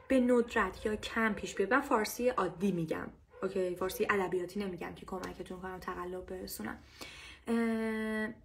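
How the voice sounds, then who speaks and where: Brief lively Persian-accented woman, casual English teacher on a livestream, slow drilled repetitions. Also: mid-range voice. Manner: lively, drills English phrases slowly and repeats them.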